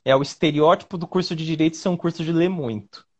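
A man from Brazil, a lawyer guest, chatting casually over a video call in an animated, rambling way with quick asides. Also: on the high side, lo-fi sound.

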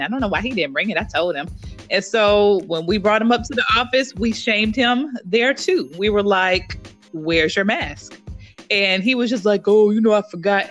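Woman co-host, lively, pitch swings up on punchlines, faint music bed. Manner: animated storyteller, lively pitch jumps. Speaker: podcast co-host. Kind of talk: casual chat.

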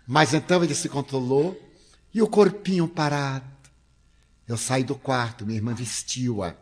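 A man's voice: medium pitch, moderate pace. An older man with a Brazilian accent giving an emotional storytelling lecture on stage. He speaks dramatically and acts out the people he quotes. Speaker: spiritist lecturer. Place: stage before an audience.

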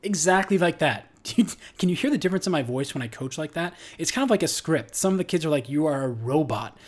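A man's voice: on the high side, expressive, quick pace. A middle-aged man, a strength coach, talking casually in a podcast monologue, full of fillers and restarts. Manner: conversational, uses many fillers and restarts.

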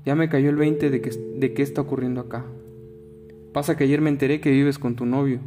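A man's voice: medium pitch, fairly even intonation, a little fast, big-room sound, lightly acted. A man with a Mexican accent voicing a curt, bitter young man in his twenties who has been cheated on. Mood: cold. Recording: guitar music playing behind.

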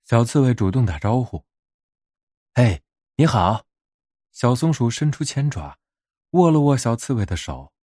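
A man narrating a scripted bedtime story in a gentle, expressive storytelling manner. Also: mid-range voice, moderate pace, dry recording, clean studio sound.

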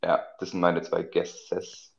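A man's voice: low voice, monotone, slow, creaky. Joking podcast man, dull recording. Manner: joking, hesitant with many fillers. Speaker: podcast co-host. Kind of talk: casual podcast chat.

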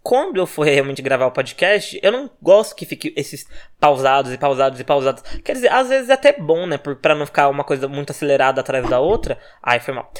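Brazilian man ranting fast and animated. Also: fairly high pitch. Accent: Brazilian Portuguese. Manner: fast-talking, animated and profane. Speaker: podcast host. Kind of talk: casual solo podcast rant.

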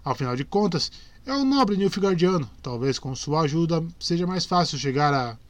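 A man's voice: on the high side, animated, normal speed, dry recording, natural voice. A man voicing a witty young male bard who speaks with irony and mock seriousness, in a dry close recording. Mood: ironic.

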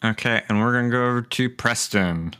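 A man's voice: medium pitch, fairly quick, noisy background. A man hosting a tabletop game as game master, chatty and lightly joking as he recaps the story.

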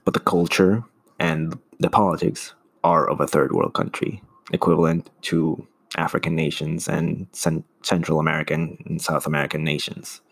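Man, solo podcast host, very low gravelly voice, earnest and halting. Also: steady tone. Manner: earnest, searching for words with restarts. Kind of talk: casual opinion monologue.

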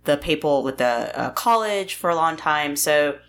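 Woman podcast co-host, quite low voice, loose chatty storytelling, swears freely. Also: lively intonation, normal speed. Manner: rambling, lots of "like" and swearing. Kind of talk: casual history podcast chat.

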